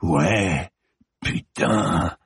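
A man reading an audiobook, voicing a young male student with a raspy, grating voice that growls low. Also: very slow, no room sound, clean studio sound, full character voice. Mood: menacing. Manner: growling low, then panicky and shrill.

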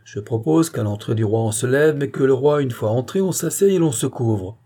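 A man reading aloud voices an insistent male revolutionary deputy with raised, emphatic delivery and a husky tone. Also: mid-range voice, expressive, moderate pace, warm tone, close to an everyday voice. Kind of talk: audiobook reading.

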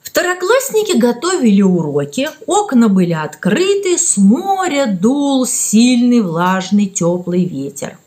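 Expressive woman reading a story. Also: on the high side, a little slow, few pauses. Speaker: reader. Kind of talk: audiobook narration of a children's story.

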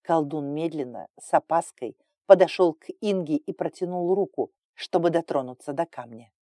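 A woman narrating a fantasy audiobook in an even, measured storytelling manner. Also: low voice, no room sound, clean studio sound.

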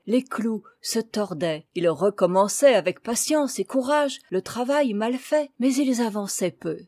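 A woman reads a classic children's novel aloud in a measured, clear way. Her voice sits fairly high. The sound is close and dry, with no room echo. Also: a little mellow. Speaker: audiobook reader.

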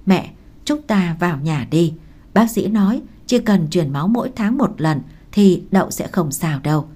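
A woman reading the lines of an exhausted young mother who speaks gently to her family, in an audiobook. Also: lowish voice, expressive, normal speed, breathy edge. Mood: gentle. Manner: gentle, tired.

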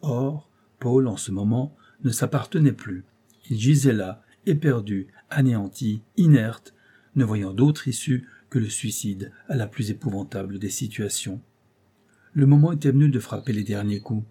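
Male audiobook narrator, measured novel reading, dark mellow husky voice. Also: on the low side. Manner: measured, storytelling.

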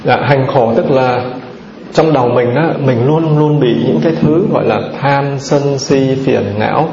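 A man's voice: medium pitch, measured pace, gravelly, a little mellow. A man, a Buddhist monk, giving a dharma talk, lists terms one by one and asks his listeners questions that he answers himself. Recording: roomy, dull, slightly noisy recording.

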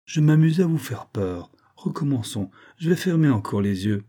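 A man voicing a sly, smooth-talking male fox in a storybook reading, wheedling and cajoling. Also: medium pitch, expressive, normal speed, mellow, voice pushed up, lightly acted.

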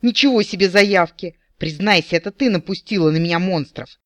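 A man voicing a sarcastic, indignant male elf captain who shouts accusations in an audiobook. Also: high-pitched, fairly quick, no room sound, pitched above the performer's own voice, natural voice. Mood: mocking, indignant.

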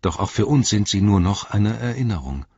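A man's voice: deep voice, expressive, measured pace, husky, no room sound, lo-fi sound, exaggerated voice. A man voicing an earnest, eager male elf in an audiobook, lifting his voice above his own.

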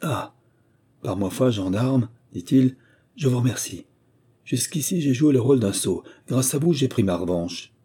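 A brash young army officer from an old adventure story, as a male narrator does him. He is brisk and a touch self-mocking. He speaks in a dark, husky voice only a little above the narration. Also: medium pitch, expressive, voice pushed up. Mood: relieved.

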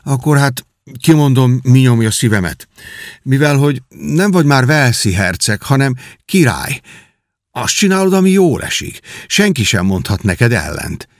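A man's voice: medium pitch, big pitch swings, no echo, studio quality, voice pushed up. Man voicing a humble young whipping boy. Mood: pleading. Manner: earnest and imploring.

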